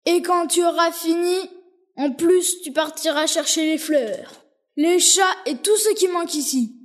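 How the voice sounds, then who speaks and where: A woman's voice: extremely high pitch, unhurried. A woman reading the part of a stern king who scolds his son, in an amateur story reading. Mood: scolding. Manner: scolding, indignant.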